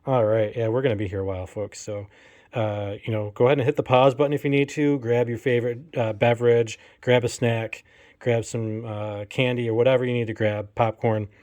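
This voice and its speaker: A collector vlogger in his thirties talks a little fast in a mid-range, slightly mellow voice with fairly even intonation. Filming on a one-handed phone in his home game room, he unboxes collectibles while chatting casually, using lots of fillers and poking fun at himself.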